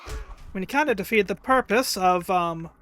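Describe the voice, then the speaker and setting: A man's voice: high-pitched, normal speed, a bit bright. A man casually commenting on his own gameplay during a live stream, chatty and wry, taunting enemies as he plays. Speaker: game streamer.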